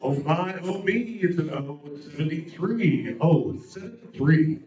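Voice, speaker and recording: A man calling bingo numbers with playful, punning lead-ins, slowly repeating each number digit by digit. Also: on the high side, expressive. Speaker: bingo caller. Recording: roomy, dull lo-fi sound.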